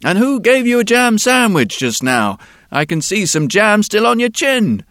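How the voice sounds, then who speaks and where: A man's voice: high voice, sing-song, unhurried, a bit bright, dry recording, clean studio sound, voice pushed up, exaggerated voice. A man playing a patient neighbourhood policeman who questions a lost boy with mounting disbelief. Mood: incredulous.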